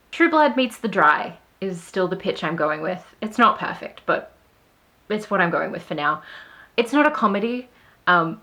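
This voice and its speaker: A woman's voice: fairly low pitch, bright, forceful tone. A woman author talking straight to the camera in a casual vlog, wry and self-deprecating, with a sarcastic edge. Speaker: author vlogger.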